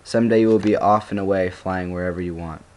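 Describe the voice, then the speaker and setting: A man doing a gentle reassuring father. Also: sits low, fairly even intonation, quick pace, a little hiss or hum, lightly acted.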